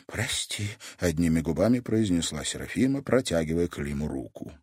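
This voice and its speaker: A man narrating an audiobook in an expressive, dramatic reading style. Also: low voice, brisk, breathy edge, no echo, clean studio sound. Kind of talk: scripted narration.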